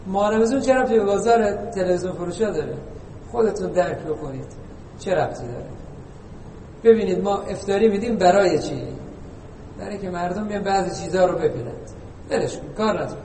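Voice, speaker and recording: A man's voice: very high voice, a little mellow. A man giving an informal religious lesson to a congregation, chatty and teasing, asking rhetorical questions. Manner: conversational, rhetorical questions and jokes. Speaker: preacher. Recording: echoey hall, distant mic, faint noise.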